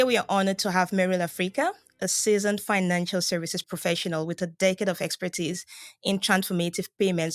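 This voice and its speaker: Host: woman from Cameroon, effusive and praising, fairly low pitch, dry close sound. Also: no room sound. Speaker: podcast host. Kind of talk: podcast interview host.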